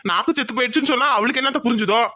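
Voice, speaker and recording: A woman's voice: on the high side, very fast, bright, forceful tone, no room sound, voice pushed down. A woman voicing a playful old village husband who fondly needles his wife in a cartoon. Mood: teasing. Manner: fond, needling teasing.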